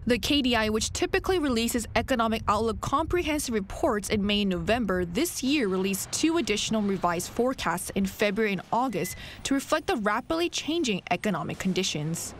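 A woman news reporter delivering a scripted report in a steady, deliberate way. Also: fairly high pitch. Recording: faint background noise.

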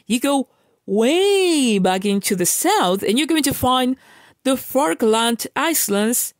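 A woman's voice: sits high, lively intonation, takes it slowly, dry recording, studio quality. A woman from Argentina, talking in a casual, emphatic vlog rant, lecturing her viewers with many restarts and fillers. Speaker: vlogger. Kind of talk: casual ranting monologue.

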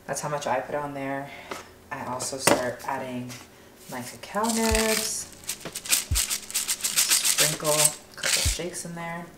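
A young vlogger gives an informal cooking demonstration in her home kitchen, narrating each step as she works. Her low voice is slow, with frequent pauses, over loud music. The room is echoey and kitchen clatter is clearly audible.

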